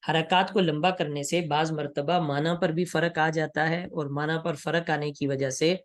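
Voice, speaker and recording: Measured man teaching Quran recitation. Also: fairly high pitch, steady tone, dry recording, studio quality. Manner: slow, drawn-out demonstrations of Arabic pronunciation. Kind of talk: tajweed lesson.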